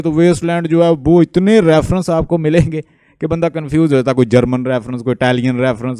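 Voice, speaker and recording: A man's voice: on the high side, no echo, clean studio sound. A man giving an online English literature lecture, repeating points and asking the class questions he answers himself. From Pakistan. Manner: lively and repetitive, asks questions to the class then answers them; mixes English terms into Hindustani speech.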